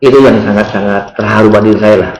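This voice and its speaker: A man as an interview guest, telling his story in an earnest, devout, soft and steady way. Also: lowish voice, quick pace. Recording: roomy echo.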